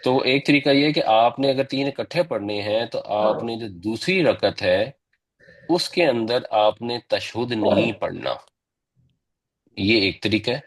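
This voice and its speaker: Man patiently explaining a religious lesson. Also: mid-range voice. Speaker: Quran teacher.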